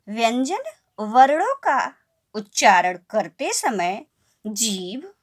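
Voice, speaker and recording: A woman teacher gives a classroom lesson in a fairly high, lively voice. She speaks slowly and clearly, asking the children questions and answering them herself. Her pitch rises and falls widely as she stresses each point.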